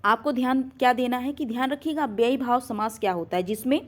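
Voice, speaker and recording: Female teacher, slightly high voice, walks viewers through quiz answers and repeats them as questions. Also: fast. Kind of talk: grammar lesson going through quiz questions.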